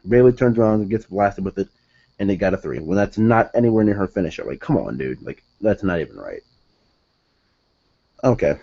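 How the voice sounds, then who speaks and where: A man's voice: on the low side, sing-song, a little fast, gravelly, pauses often, mellow, dull audio. A young man reviewing a wrestling show in casual solo talk, rambling, correcting himself and sounding exasperated.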